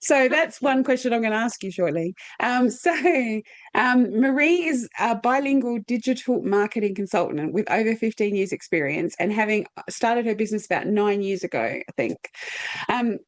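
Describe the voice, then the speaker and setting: Middle-aged woman, from Australia, fairly high voice, podcast host, casual rambling chat, dry close sound. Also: lively intonation, normal speed, no room sound. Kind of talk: casual conversational hosting.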